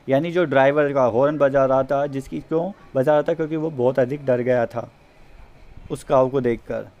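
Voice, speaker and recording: A man teaching a grammar lesson in Hindi, who reads example sentences slowly, then explains them and answers his own questions. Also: a little high, a little mellow.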